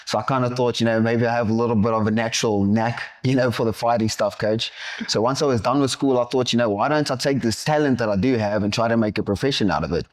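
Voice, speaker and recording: A man's voice: medium pitch, fast. A young man with a South African accent, a professional MMA fighter talking easily about his past and calling his interviewer "coach" throughout. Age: young adult. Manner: easygoing, keeps addressing his interviewer as coach. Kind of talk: podcast interview.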